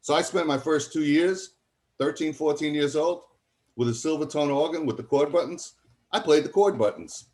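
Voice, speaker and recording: A man's voice: fairly high pitch, normal speed, a little mellow. An older man, a guest musician telling rambling anecdotes in a casual interview and acting out what other people said. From College Point, New York.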